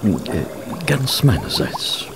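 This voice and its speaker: A courteous, bewildered doctor in a radio play. He speaks slowly and hesitantly, with extremely wide swings of intonation. He comes across as cautious but good-humoured, over faint ambience. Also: lowish voice, huge pitch swings, creaky, background noise, heavily acted. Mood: amused, courteous. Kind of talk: German audio drama acting.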